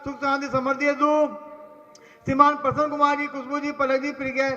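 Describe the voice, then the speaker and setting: A man's voice: very high voice, monotone, fairly quick, pushed and bright. A man announcing at a temple ritual, rattling off a long list of donor names and blessings. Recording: echoey temple hall, dull lo-fi sound.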